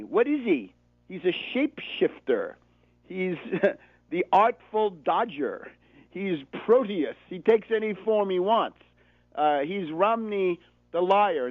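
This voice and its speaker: An American man with a voice that sits high hosts a political radio show, delivering an emphatic, sardonic monologue full of rhetorical repetition. The recording is dry, with a narrow, phone-like sound.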